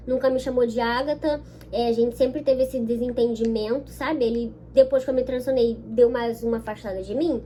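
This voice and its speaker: A young woman with a Brazilian Portuguese accent talks straight to her viewers, telling a personal story in a loose, chatty way. Her voice sits high yet sounds soft and mellow. There is a faint hum of background noise. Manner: chatty, keeps checking in with listeners. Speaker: vlogger.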